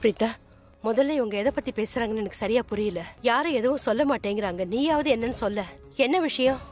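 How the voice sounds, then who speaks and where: Woman dubbing a worried elder sister, quick speech, somewhat high voice, tv serial. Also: music in the background, close to an everyday voice. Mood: insistent. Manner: questioning, worried. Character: concerned elder woman demanding answers. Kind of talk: dubbed TV serial acting.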